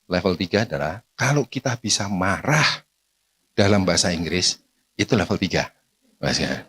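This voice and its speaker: A man's voice: low-pitched, animated, normal speed, fairly bright tone, breathy edge. A man giving a casual seminar talk to parents, conversational, forever tossing tag questions at the audience. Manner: acts out short everyday dialogues.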